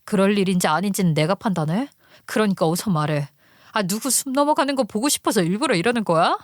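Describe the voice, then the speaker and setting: 여자가 연기하는 날카롭게 따지는 화난 아내. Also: female voice, mid-range voice, animated, quick pace, dry recording, studio quality, natural voice. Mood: furious. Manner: sharp, demanding, agitated. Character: furious suspicious young wife confronting husband.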